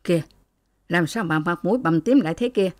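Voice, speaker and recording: A woman narrating a novel for a late-night radio reading, calm and even. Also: lowish voice, a little fast, dry recording, studio quality. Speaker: audiobook narrator.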